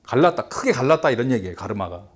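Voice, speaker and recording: A man's voice: mid-range voice, big pitch swings, fast. A middle-aged man giving a lecture, explaining step by step, repeating key words and posing rhetorical questions.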